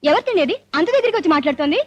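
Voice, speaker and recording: A sharp-tongued scolding woman. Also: high voice, expressive, racing. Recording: dull lo-fi film audio.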